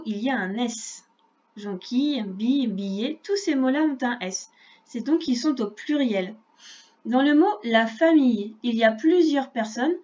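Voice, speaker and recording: A woman teaching a reading lesson to young children, speaking slowly and clearly and spelling out sounds patiently. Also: on the high side, a little mellow, highs cut off. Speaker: primary school teacher.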